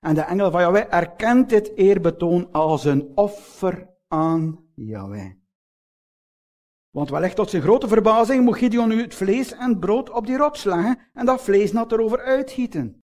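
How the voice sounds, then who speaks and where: A Flemish man delivers a sermon in a fairly high-pitched voice, speaking straight to his listeners and asking them question after question. He lifts some phrases with emphasis, then lets others sink into a low, slow hush. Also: lively intonation. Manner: earnest, addresses listeners directly with frequent rhetorical questions; swings between raised emphatic phrases and low, slowed, hushed endings. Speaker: preacher.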